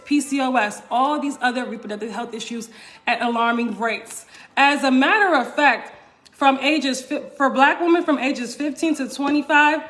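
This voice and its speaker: A woman's voice: high-pitched, a bit bright. A woman wellness coach talking casually to her live-stream viewers, emphatic and repetitive, checking in with "right?" and "okay?". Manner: emphatic, repeats points, asks "right?" and "okay?".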